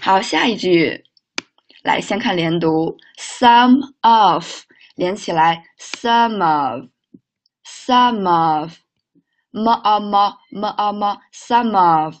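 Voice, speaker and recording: A woman in the middle of a live online speaking lesson, sounding out short phrases slowly and deliberately for the class to repeat. Between drills she speeds up into brisk, chatty remarks and firmly reins in students who keep asking the same thing. Her voice sits at an ordinary middle pitch. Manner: slow drilled model phrases, quick chatty asides; firm with students, mildly scolding. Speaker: English teacher.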